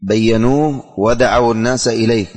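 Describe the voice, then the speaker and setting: A man's voice: medium pitch, a little fast, darkish tone, faint music behind. A male teacher leading a religious lesson, repeating questions and quizzing his students. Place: classroom. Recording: long hall reverb.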